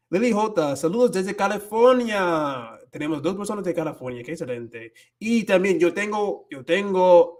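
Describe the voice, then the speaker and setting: This livestream host, an American man teaching Spanish, talks slowly in a slightly high voice. Chatting informally as he reads comments from viewers, he swaps between English and Spanish and often stumbles hunting for words.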